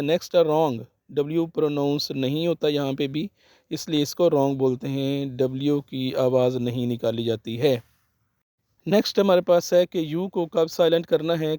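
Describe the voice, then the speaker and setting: A man's voice: fairly high pitch, warm tone, no room sound. A man teaching English pronunciation rules, spelling out the letters one at a time in a methodical way.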